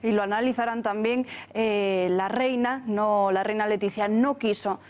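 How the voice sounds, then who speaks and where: A woman co-presenting the news, reporting in a brisk tone. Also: medium pitch, fairly even intonation, darkish tone.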